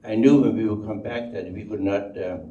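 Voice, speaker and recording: An older Danish-accented man from Denmark tells his life story without a script, halting, repeating words, and rambling along. His voice is mellow, on the low side, with fairly even intonation. A distant microphone gives a dull, roomy sound with faint noise.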